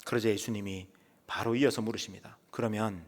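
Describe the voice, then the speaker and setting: A man's voice: medium pitch, animated, a little fast. A male pastor preaching a sermon in dramatic storytelling fashion, often letting phrases trail off to a whisper. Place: church sanctuary. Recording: long church reverb.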